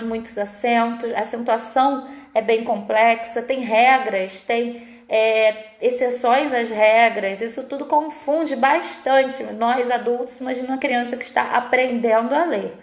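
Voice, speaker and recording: A woman's voice: fairly high pitch, reverberant. A Brazilian woman teacher giving a live online lesson, explaining at length and often ending her points with a questioning tag. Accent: Brazilian Portuguese. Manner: explanatory, frequent "né?" tags.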